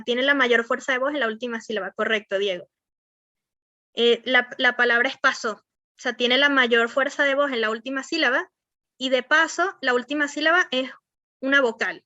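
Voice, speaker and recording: A woman's voice: a little high, bright, forceful tone, dry recording, highs cut off. Rambling young Venezuelan woman teacher. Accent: Venezuelan Spanish. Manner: rambling, many fillers like "o sea" and "este"; checks in often with students. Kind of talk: online class on verbal skills.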